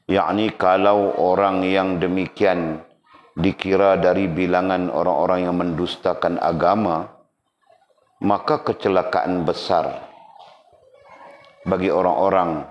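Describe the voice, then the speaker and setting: Deep-voiced religious teacher. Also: male voice. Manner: teasing, animated, addresses audience directly. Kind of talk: religious lecture with Q&A. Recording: roomy, dull lo-fi, faint background noise.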